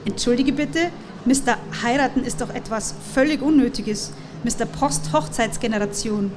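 A woman's voice: a little high, moderate pace, background noise, close to an everyday voice. A woman voicing a romantic young woman who teases her partner, mocking and passionate. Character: young adult woman Marie, romantic, teasing.

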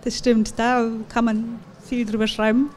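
A woman, an author, reading narration in an even, measured way and answering questions about her novel. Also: fairly high pitch, a little hiss or hum. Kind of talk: reading aloud and interview answers.

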